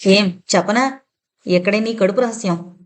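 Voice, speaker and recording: A woman's voice: medium pitch, normal speed, natural voice. Give me a woman doing a cold, taunting schemer in a storybook reading. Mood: menacing. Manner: taunting, menacing.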